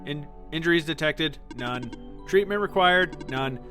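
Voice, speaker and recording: A man's voice: a little high, measured pace, over music, natural voice. A man voicing a polite, stilted male robot, reading game dialogue in a formal, stiff robot-like way.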